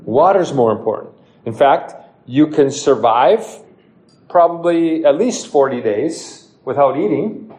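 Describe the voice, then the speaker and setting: Pastor, man, slightly high and mellow voice, evening sermon full of rhetorical questions, echoey hall. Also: lively intonation, measured pace. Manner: preaching with rhetorical questions and scripture quotes.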